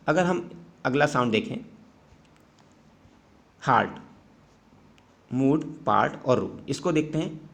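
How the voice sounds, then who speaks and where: A man teaching an exam-prep lesson, explaining step by step in Hindi mixed with Indian-accented English. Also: mid-range voice.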